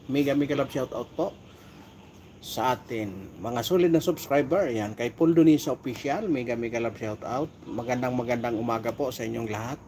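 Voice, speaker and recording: A middle-aged man chatting casually on a live stream while on night volunteer duty outdoors, giving viewers shout-outs. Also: mid-range voice, moderate pace, slight background noise.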